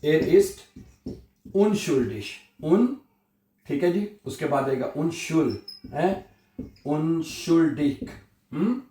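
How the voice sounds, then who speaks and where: A man teaching German in a slow lesson, drawing out words and often checking with the learner. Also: a little high, lively intonation, warm tone, reverberant. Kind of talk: slow spoken language lesson.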